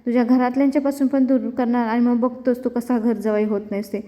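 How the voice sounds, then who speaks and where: A woman's voice: on the high side, little pitch movement, quick pace, warm tone, natural voice. Woman voicing scheming father-in-law, sly, threatening, long echo.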